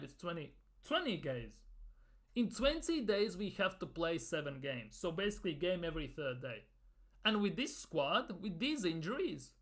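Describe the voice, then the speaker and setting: A man's voice: fairly high pitch, a bit bright. A man ranting in a football fan commentary video, exasperated and sarcastic, with some swearing.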